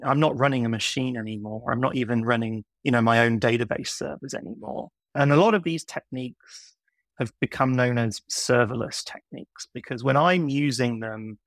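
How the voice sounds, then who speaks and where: A middle-aged British man with an accent that mixes British and American speaks in a gravelly, fairly bright voice of medium pitch, with no echo. He's a software consultant appearing as a podcast guest, explaining things in a casual way.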